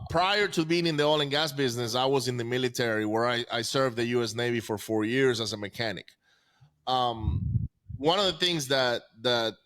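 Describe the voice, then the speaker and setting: A man in his forties who grew up in Venezuela, a podcast guest telling his life story in a casual, halting way, with many restarts and repeated words. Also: mid-range voice, fairly bright tone.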